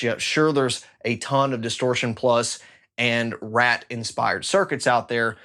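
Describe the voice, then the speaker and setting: A man with a voice of ordinary, middle pitch talks through technical details in a relaxed, conversational manner. He sounds enthusiastic and chatty, and he slips in self-deprecating asides along the way. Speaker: guitar pedal reviewer. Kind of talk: casual technical explainer.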